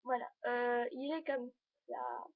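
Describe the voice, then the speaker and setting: A woman's voice: a little high, sing-song, slow pace. A teenage girl chatting in a casual fashion vlog, rambling and hesitant as she shows items to her viewers. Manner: talks to the viewers while showing items. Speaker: vlogger. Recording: dull lo-fi home video recording.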